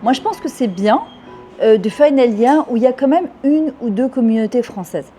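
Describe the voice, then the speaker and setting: A woman's voice: on the high side, lively intonation, brisk, mellow, soft background music. A woman of about fifty from France, talking fervently and at length in an interview, dropping in Hebrew words. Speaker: interviewee, French immigrant. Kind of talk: casual interview talk.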